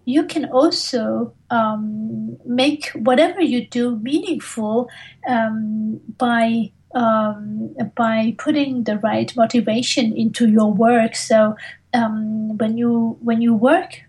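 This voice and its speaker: Female interviewee, slightly high voice, reflective and halting delivery, feeling her way through sentences. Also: fairly even intonation, darkish tone, poor audio. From Tibetan, living in Europe. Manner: hesitant, halting, searching for words. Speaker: interview guest, mantra singer.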